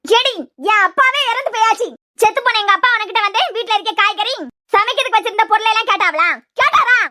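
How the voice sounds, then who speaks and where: A performer voicing a quarrelsome cartoon housewife with a Kanyakumari Tamil accent, scolding in sharp retorts. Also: fast, heavily acted. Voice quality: very high, squeaky cartoon voice. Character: quarrelsome housewife of a joint family. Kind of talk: cartoon web series dialogue.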